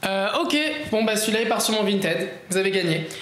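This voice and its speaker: A man's voice: high voice, fairly quick, fairly bright tone. Chatty male streamer in a roomy space. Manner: chatty, reacting playfully to viewers' comments. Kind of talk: casual live-stream chat. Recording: roomy echo, faint background noise.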